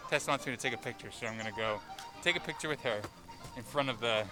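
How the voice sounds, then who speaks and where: A man vlogs on a handheld camera while he strolls around an amusement park. His delivery is chatty and full of jokes. Loud park music plays behind him outdoors. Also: medium pitch, fast. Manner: chatty and joking. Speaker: vlog host. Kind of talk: casual vlog narration.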